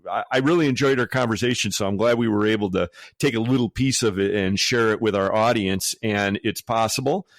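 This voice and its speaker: Man, podcast host, lowish voice, dry close sound, rambling casual questions. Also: fairly quick, few pauses, no echo. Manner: relaxed, rambling questions with fillers.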